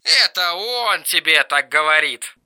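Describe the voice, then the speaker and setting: A man voicing an erratic, mocking young man on the phone in an audiobook reading, shrill and teasing. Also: clear, resonant tone, heavily acted. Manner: shrill, teasing, quick swings to flat calm.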